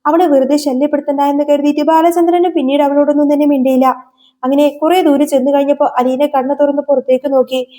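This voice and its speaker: A woman's voice: high voice, steady tone, fast talker, warm tone. A woman narrating a serial episode as a dramatic, emotional story retelling.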